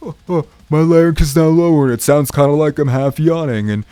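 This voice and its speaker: A man voicing a half-yawning, hollow tone with a lowered larynx as a vocal demonstration. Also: brisk, mellow, clear, resonant tone, dry recording, lightly acted. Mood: demonstrative. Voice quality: hollow, yawny.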